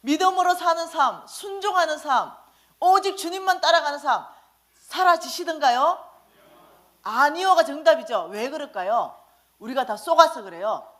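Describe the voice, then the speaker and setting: A woman's voice: high voice, normal speed. A woman giving a spoken testimony at a church service, acting out dialogue and putting questions to the congregation. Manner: animated, acts out quoted dialogue, questions the audience. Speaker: staff minister giving testimony. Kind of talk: sermon testimony.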